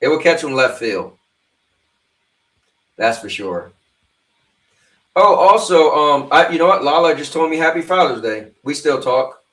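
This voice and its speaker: Rambling casually to his livestream viewers, this host is a man of fifty. His voice is fairly high, animated and a bit bright, at a measured pace with frequent pauses. He's recorded from a distance in a roomy-sounding space.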